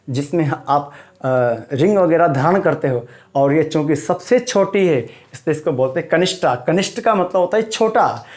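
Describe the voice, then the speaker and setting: A man's voice: a little high, darkish tone. A man teaching a grammar lesson, stressing each term, repeating it and quizzing the viewer.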